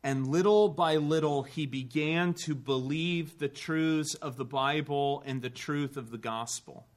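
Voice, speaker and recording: A man's voice: fairly high pitch, a little slow. A man preaching a sermon in a church, telling a story with earnest rising emphasis and the odd dry aside. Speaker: pastor.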